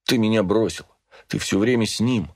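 A man voicing a despairing young son who speaks quietly, tired and resigned, read as an audiobook character. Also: lowish voice, moderate pace. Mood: hurt.

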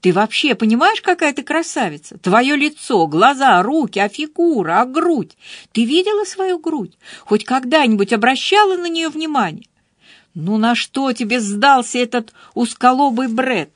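A woman's voice: sits high, animated, moderate pace, no room sound, clean studio sound, pitched above the performer's own voice. Woman voicing exasperated friend Dolly. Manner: pleading and scolding, emphatic.

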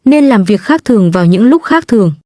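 A woman voicing a calm, gentle young nobleman disguised as a woman, speaking softly and soothingly in a read-aloud story. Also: a little high, fairly quick, no echo, studio quality. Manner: soft, soothing.

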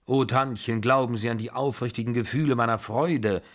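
A man's voice: mid-range voice, steady tone, a little fast, voice pushed up, natural voice. A man voicing a flustered general in debt who stammers and fawns. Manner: stammering, fawning. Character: flustered, indebted middle-aged general.

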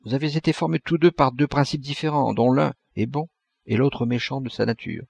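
A man's voice: medium pitch, steady tone, a little fast, creaky, darkish tone, husky, no room sound, highs cut off. A man reading an audiobook, voicing a young dying man who asks pleading, indignant questions.

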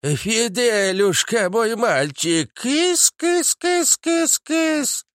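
A man voicing a fussy, stubborn old grandmother in an audiobook, with a drawn-out pleading lilt. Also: very high voice, sing-song, a bit bright, dry recording, studio quality, pitched above the performer's own voice, full character voice. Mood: cooing.

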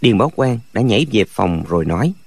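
Animated male audiobook narrator. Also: lowish voice, brisk, vocal fry, noisy background. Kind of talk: storytelling narration.

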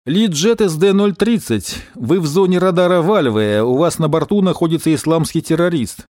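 A man voicing an angry, defiant pilot who is shouting accusations down a phone line. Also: on the high side, lively intonation, moderate pace, dry recording, clean studio sound, voice pushed up, lightly acted. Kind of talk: audiobook character voice.

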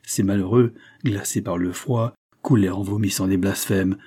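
A man narrating an audiobook of a classic novel in a measured, dramatic way. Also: low-pitched, fairly even intonation, warm tone, husky.

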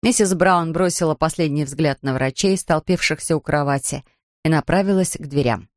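A woman narrating a storybook reading, steady and expressive. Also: low-pitched, moderate pace, dry recording, studio quality.

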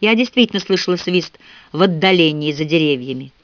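A man reading a literary audiobook in a measured storytelling voice. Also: fairly high pitch, animated, a bit bright, no room sound. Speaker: audiobook reader. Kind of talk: scripted literary narration. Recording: dull, dry lo-fi recording.

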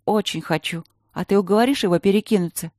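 A woman's voice: mid-range voice, fast, a little mellow, dry recording, studio quality, pitched above the performer's own voice, natural voice. A woman reading an audiobook voices a young princess, an eager, bubbly younger sister who pleads breathlessly.

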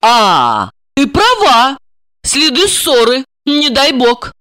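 A reader voicing a brisk, cold-blooded young woman in an audiobook who gives orders and mocks her friend. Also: medium pitch, sing-song, pushed and bright, no room sound, clean studio sound, voice pushed up. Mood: commanding. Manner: brisk, commanding, sardonic.

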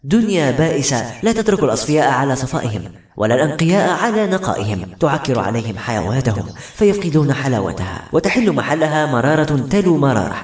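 A man narrating a novel aloud in a dramatic, expressive audiobook reading. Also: mid-range voice, fast talker. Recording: roomy echo.

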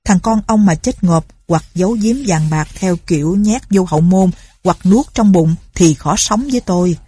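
A woman's voice: on the low side, normal speed, mellow, slightly rough, dry recording. A woman voicing a ruthless, suspicious male bandit chief who talks in a harsh, threatening way. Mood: menacing.

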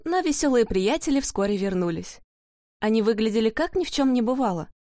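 A woman narrating a children's storybook in a lively, expressive way. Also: fairly high pitch, fairly quick, no room sound, studio quality.

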